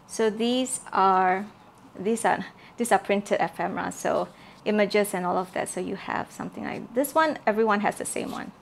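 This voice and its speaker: A Malaysian woman with a soft, gravelly, creaky voice shows off her craft journal kits in a relaxed show-and-tell. Her pitch sits in the middle and her pace is moderate, but she often pauses for fillers, repeats words, and restarts, while a faint hiss runs underneath.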